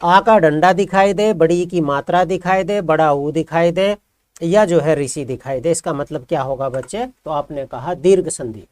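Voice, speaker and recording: A man's voice: fairly high pitch, normal speed, darkish tone, dry recording. Dry, patient male Hindi teacher. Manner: explains patiently, asks the class questions and answers them himself. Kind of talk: classroom grammar lesson.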